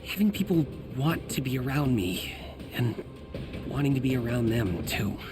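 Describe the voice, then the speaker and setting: A man's voice: medium pitch, very animated, normal speed, loud music behind the voice, lightly acted. A man playing an earnest, self-effacing young superhero in a video game, with an American accent and a hesitant, wry, naturalistic delivery. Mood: shy, sincere. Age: young adult.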